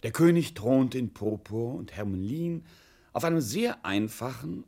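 A man narrating a scripted children's story in a gravelly, husky voice. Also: medium pitch, animated, measured pace, warm tone.

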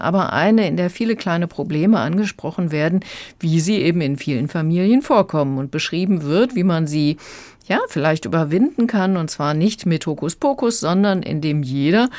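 A woman critic talking through a children's audiobook on the radio in a calm, chatty way. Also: sits low, no room sound. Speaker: book critic. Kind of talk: radio book review.

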